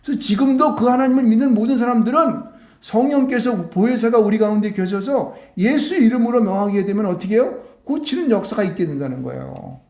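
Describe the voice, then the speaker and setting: A male pastor giving an animated children's sermon, asking his small congregation questions and acting out the children's voices. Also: sits high, a little fast. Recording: echoey church room.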